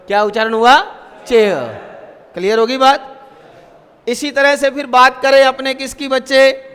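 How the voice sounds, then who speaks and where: A man's voice: very high voice, fairly bright tone, smooth, big-room sound. A male teacher giving a classroom grammar lesson, asking students questions and repeating the answers.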